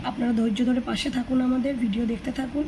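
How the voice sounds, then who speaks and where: A hoarse, high-voiced woman with a Bengali accent chats to her viewers in a family vlog. She sounds like she is talking into a phone camera at home, and faint noise hums behind her. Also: steady tone, quick pace. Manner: coaching a child through yoga, counting aloud. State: hoarse from a cold. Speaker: family vlogger. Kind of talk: casual vlog talk to viewers.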